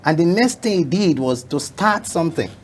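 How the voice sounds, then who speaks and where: A talk show guest shares a forceful, motivational story, repeating phrases again and again for emphasis. Their medium-pitched voice is husky and expressive, at a normal speed.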